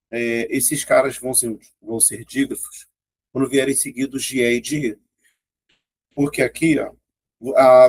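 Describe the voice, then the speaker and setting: Brazilian man, grammar teacher, husky and gravelly, laid-back exam-prep style. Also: mid-range voice, a little mellow. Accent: Brazilian Portuguese. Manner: casual, chatty, keeps pointing things out and checking in with students.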